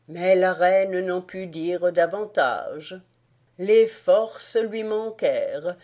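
Slow, low-voiced woman narrating. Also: a little mellow. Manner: slow, measured storytelling. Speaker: audiobook reader. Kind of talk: scripted narration.

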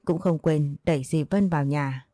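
A woman reading a scripted story as narrator in an even, plain way. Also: sits low, moderate pace, no echo, studio quality.

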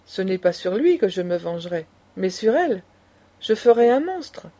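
Woman reading an indignant old aristocratic grandmother, impassioned, lecturing, mellow dark voice. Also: mid-range voice, very animated, moderate pace.

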